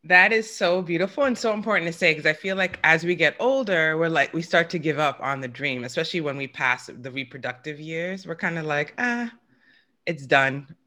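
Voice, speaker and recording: A woman in her forties hosting a podcast, reading a scripted intro and then chatting with a bubbly, animated manner. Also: deep voice, moderate pace. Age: 40s. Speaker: podcast host.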